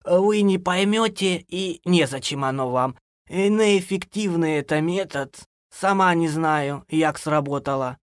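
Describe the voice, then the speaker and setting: A man reading an audiobook, voicing a bossy old grandmother who scolds in a loud, folksy way. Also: a little high, measured pace, clean tone, no room sound, studio quality, pitched above the performer's own voice, lightly acted. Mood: dismissive. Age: older. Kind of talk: audiobook character voice.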